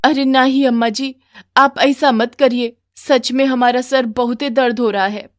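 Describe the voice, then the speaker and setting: A woman's voice: fairly even intonation, measured pace. Woman voicing a meek, pleading young wife. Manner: pleading, high and plaintive. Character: meek young wife, elder daughter-in-law.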